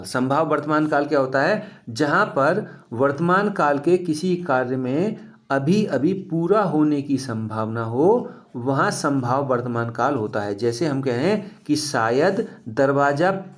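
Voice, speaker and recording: A man teaching a grammar lesson, explaining step by step and often asking his students questions back. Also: medium pitch.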